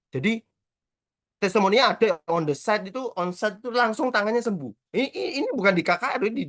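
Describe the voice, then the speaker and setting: A man's voice: a little high, no room sound, studio quality. Chatty church teacher, man. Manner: talkative, quick and animated, with self-mocking humor. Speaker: church prayer trainer. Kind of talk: casual Bible teaching.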